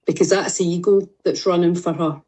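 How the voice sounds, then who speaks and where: Scottish woman coach, low mellow voice, blunt but kind, leading a group call. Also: steady tone, a little fast, breathy edge. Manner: direct, reassuring, guiding exercises. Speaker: fitness and mindset coach.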